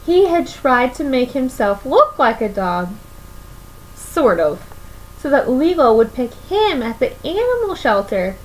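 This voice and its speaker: A young woman with a fairly high voice reads a picture book aloud to children, full of expression and often asking her listeners questions. She's indoors in a small room at home, and the rough recording carries a slight hiss or hum.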